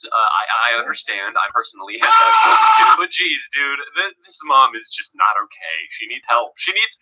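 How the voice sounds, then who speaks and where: A man's voice: a little high, pushed and bright, highs cut off. A man hosting a reaction video, making sarcastic, stammering asides in casual commentary.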